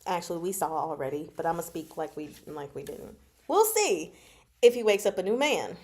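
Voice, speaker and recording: A woman hosts a livestream book discussion in a low, slightly mellow, sing-song voice at normal speed, with a little hiss or hum in the audio. She chats casually with live chat, slangy, emphatic and teasing, reacting expressively throughout.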